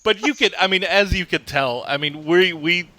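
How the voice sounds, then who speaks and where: A man's voice: high-pitched, normal speed, pushed and bright, low-quality recording. A man hosting a podcast, chatting casually and reading out listener comments. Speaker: podcast host. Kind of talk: casual chat.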